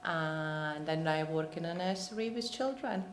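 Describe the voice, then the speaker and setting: A woman from Latvia in her thirties, answering interview questions and pausing often to search for words. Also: low-pitched, slight background noise. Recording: echoey room.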